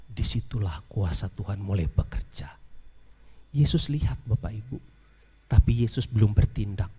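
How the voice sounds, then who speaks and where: A middle-aged man giving a sermon, telling a story in a lively, chatty way and addressing listeners directly. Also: mid-range voice, big-room sound. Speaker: lay preacher.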